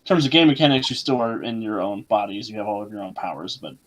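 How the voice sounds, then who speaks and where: A man narrating a tabletop game as game master, descriptive and unhurried, with frequent fillers. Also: lowish voice, animated, dull audio.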